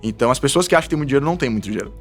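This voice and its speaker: A man's voice: medium pitch, soft background music. A man, a guest telling his story in a casual podcast interview. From Salvador, Brazil. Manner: fast, animated storytelling with frequent laughs. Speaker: guest, investment advisor.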